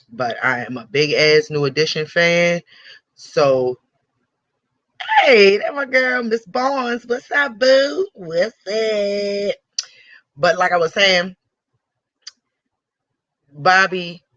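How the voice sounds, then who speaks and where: A man's voice: a little high, fairly bright tone, no room sound. A man hosting a radio show, giving blunt, profane and heated celebrity commentary and repeating his points for emphasis. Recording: dull lo-fi recording.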